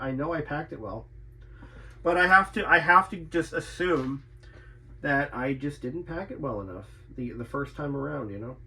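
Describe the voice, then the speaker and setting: A radio repairer presents his own video in a high-ish, gravelly, bright voice with a forceful tone and breathy edge, heard on a low-quality recording. He chats casually and thinks aloud through a repair, often asking himself questions.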